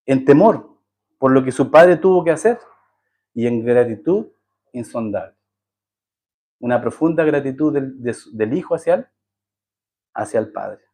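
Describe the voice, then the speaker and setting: A man's voice: medium pitch, warm tone. A man preaching a sermon as a pastor, telling a story, acting out the voices in it and putting questions to the congregation. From Chile. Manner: asks the congregation rhetorical questions.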